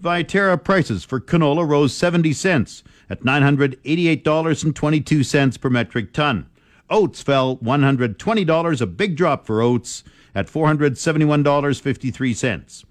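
A man's voice: a little high, moderate pace, dry recording, studio quality. A man reading scripted farm news and market prices as a radio presenter.

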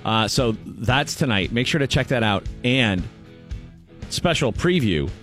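A man's voice: mid-range voice, lively intonation, unhurried, fairly bright tone, soft background music. An American man bantering casually as host of a radio morning show.

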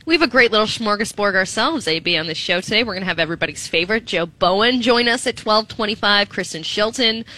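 A woman with a bright, forward voice talks sports conversationally as a radio co-host. Her pitch sits in the middle range. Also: lively intonation, fast talker, few pauses.

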